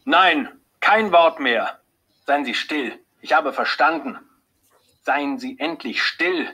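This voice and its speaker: A man reading an audiobook, voicing a hot-tempered, jealous husband who speaks loudly in short, clipped bursts, with a husky voice. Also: medium pitch, moderate pace, voice pushed up. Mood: furious. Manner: loud, clipped and furious. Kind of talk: audiobook character voice.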